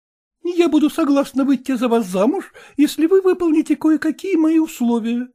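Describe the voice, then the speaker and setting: A man putting on a brisk, frank young woman. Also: very high voice, lively intonation, dark tone, voice pushed up. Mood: insistent. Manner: brisk, coaxing, insistent. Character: lively, frank young woman setting terms.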